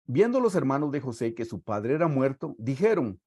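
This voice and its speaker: A man with a Guatemalan Spanish accent preaching a sermon, reading scripture aloud and stressing words slowly for emphasis. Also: mid-range voice, very animated, darkish tone, breathy edge, no echo, studio quality. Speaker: pastor.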